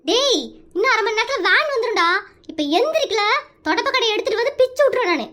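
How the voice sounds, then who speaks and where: Someone voicing a shrill nagging cartoon mother. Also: expressive, quick pace, full character voice. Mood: scolding. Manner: nagging, yelling threats. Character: scolding frazzled young mother, shrill temper. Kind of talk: Tamil cartoon comedy dub.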